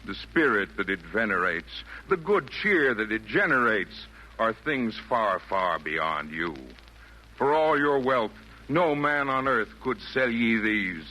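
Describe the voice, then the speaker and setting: An actor playing a wise, jolly yet firm old Santa, speaking eloquent rhymed verse in a theatrical 1940s radio style. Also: male voice, lowish voice, expressive, slow pace, bright, forceful tone, exaggerated voice. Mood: stern, lofty. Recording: noisy vintage 1940s radio broadcast.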